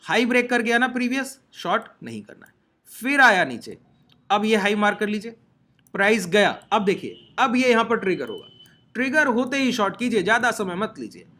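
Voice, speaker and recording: A man teaches a trading lesson over a screen share. His voice sits high and sounds bright and forceful. He walks through each step and keeps checking in with his listeners. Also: sing-song, brisk.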